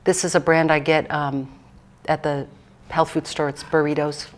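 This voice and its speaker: A woman's voice: low-pitched, little pitch movement, normal speed. A woman cookbook author chatting casually through a cooking demonstration, rambling with jokes and fillers.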